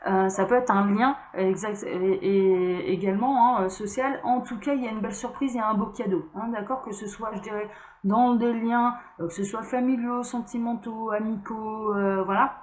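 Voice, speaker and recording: A woman's voice: a little high, fairly even intonation, normal speed, darkish tone. A woman hosting her own channel, giving a casual spoken tarot card reading and chatting straight to her viewers. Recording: echoey room with faint background noise.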